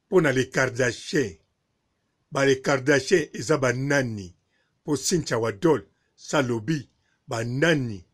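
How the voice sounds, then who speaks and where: A man hosting a casual chat, prodding his guest with question after question. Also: medium pitch.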